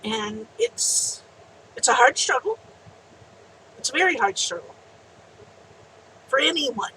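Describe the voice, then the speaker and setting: Slow, earnest woman reading a heartfelt message. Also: sits high, sing-song, pushed and bright, slight background noise, low-quality recording. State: teary. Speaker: vlogger. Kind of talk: personal vlog, reading a written message then chatting.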